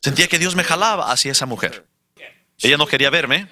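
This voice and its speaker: Bright-voiced man interpreting a sermon. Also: on the high side, fast. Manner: animated storytelling with light laughs. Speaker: interpreter of a preacher. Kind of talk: sermon testimony.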